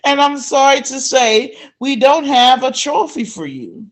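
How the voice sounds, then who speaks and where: A woman playing a dignified, tart old woman leader with a deliberate, drily cutting delivery in a script reading. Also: high voice, sing-song, heavily acted. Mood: dry. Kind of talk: live script reading, comedic.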